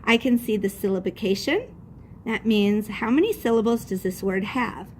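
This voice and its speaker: A woman's voice: mid-range voice, moderate pace, slight background noise. Patient woman teacher spelling out words. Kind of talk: classroom lesson demonstration.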